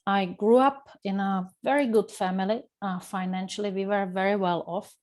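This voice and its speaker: A woman's voice: mid-range voice, steady tone, moderate pace, darkish tone. Earnest Czech-accented woman coach. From Czech Republic. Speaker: coach and lecturer. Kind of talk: webinar talk. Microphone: video call.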